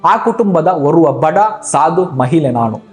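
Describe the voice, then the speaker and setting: A calm, modest mother voiced by a man in a storybook telling, soft-spoken and humble. The voice is fairly high for a man. Faint music runs behind her. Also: slow pace.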